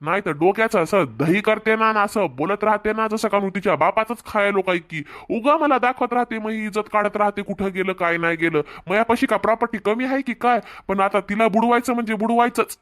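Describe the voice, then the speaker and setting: A man voicing a scheming, two-timing husband who placates his wife and flatters his girlfriend, with a Marathwada Marathi accent. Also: high-pitched, fairly quick, few pauses. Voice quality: smooth-talking, placating.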